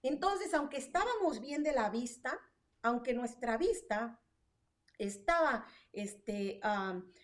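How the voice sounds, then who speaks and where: A woman preaching a streamed sermon with fervor, her voice sitting fairly high. She keeps asking rhetorical questions and checking in with her listeners as she goes. She sounds a little distant from the microphone. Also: lively intonation, slow pace. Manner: fervent, rhetorical questions, frequent tag "¿verdad?" and fillers. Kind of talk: online sermon. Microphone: online stream.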